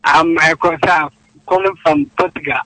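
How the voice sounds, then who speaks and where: A man phoning in to a radio show, halting and repeating himself, with pidgin mixed into his English. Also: a little high, steady tone, sharp tone, no room sound, low-quality recording. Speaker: caller.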